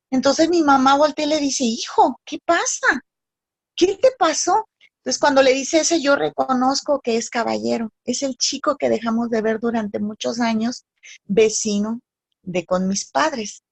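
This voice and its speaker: A woman telling a personal story in a talk on addiction, pausing often between phrases. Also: high-pitched, gravelly, no room sound. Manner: halting storyteller with pauses. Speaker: speaker on addictions.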